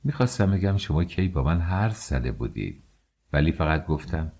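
A man narrating a novel in a measured, steady storytelling voice. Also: a bass voice, slightly rough. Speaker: audiobook narrator. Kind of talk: scripted audiobook narration.

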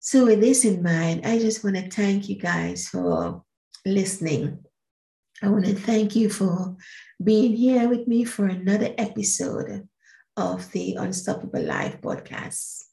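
A woman's voice: mid-range voice, expressive, a little slow, gravelly, mellow, roomy sound. A woman hosting her own podcast as a life coach, speaking in an earnest, encouraging way and repeating her phrases. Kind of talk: solo podcast monologue.

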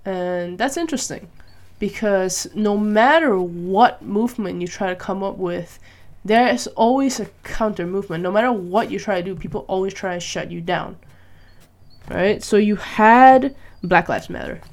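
Speaking at a moderate pace in a mid-range voice, this vlogger from Malaysia shares her opinions in a casual monologue on her own. She thinks aloud, poses questions to herself, and repeatedly checks in with "right?" and "you know?".

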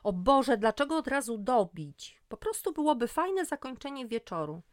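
A woman's voice: fairly low pitch, steady tone, moderate pace, no echo, clean studio sound, natural voice. A woman voicing an emotional, fed-up female friend, talking vividly and indignantly in a storybook reading. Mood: defensive.

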